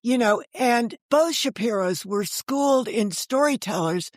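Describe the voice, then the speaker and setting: Pitched fairly high and full of animation, this woman talks at a measured pace with no room sound. An author and storyteller being interviewed, she drifts from story to story in a chatty manner, voicing other people's comments along the way during lively, casual anecdote-telling.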